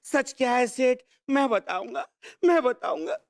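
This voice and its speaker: A pleading, theatrical servant. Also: male voice, measured pace, full character voice. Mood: dramatic. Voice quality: high, bright voice. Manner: loud, dramatic, begging. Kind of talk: sitcom acting.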